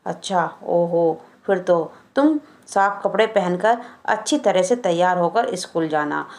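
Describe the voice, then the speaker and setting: A woman's voice: on the low side, animated, unhurried, darkish tone. A woman voicing an anxious, flustered poor village mother who stammers and pleads. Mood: gentle. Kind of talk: storybook narration.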